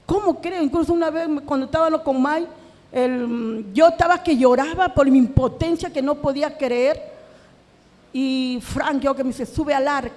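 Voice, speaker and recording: A middle-aged woman from Peru tells her conversion story in a church with a strikingly high voice. She acts out past conversations and grows anguished as she recalls them. A long reverb from the hall trails every line. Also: moderate pace, darkish tone. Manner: earnest, acts out remembered dialogue, voice rising in anguish. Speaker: church member giving testimony. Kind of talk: emotional personal testimony.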